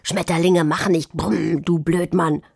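A woman voicing a grumpy know-it-all schoolboy in a children's audio story, grumbling and hushed. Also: fairly low pitch, fairly even intonation, measured pace, vocal fry, slightly rough, no room sound, clean studio sound, heavily acted.

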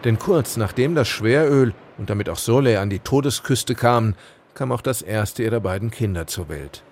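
A man narrating a documentary report in a measured, descriptive way. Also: fairly low pitch, expressive, darkish tone. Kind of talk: scripted narration.

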